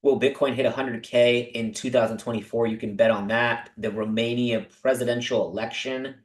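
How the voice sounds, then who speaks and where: Male stream host, excitable and chatty, mid-pitched, room echo on the voice. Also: normal speed. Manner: excitable, talks to viewers directly with many asides. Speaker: crypto livestream host. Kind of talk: casual livestream talk about investing.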